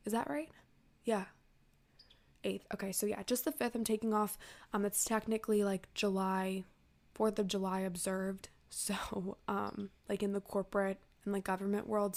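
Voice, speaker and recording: An American woman talks casually to her podcast listeners in a mid-pitched voice. She sounds stuffy and congested with a cold, and her speech has a creaky fry. Her delivery is informal and chatty. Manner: informal, chatty, addresses listeners as "you guys". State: sick with a stuffy nose. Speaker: podcast host.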